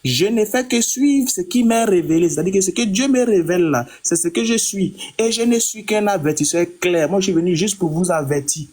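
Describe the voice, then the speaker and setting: A man with a slightly high, husky voice speaks in a live-stream debate. He recites a passage and then takes it apart point by point, patiently. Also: fairly quick, few pauses, darkish tone. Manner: recites verses, then explains them patiently.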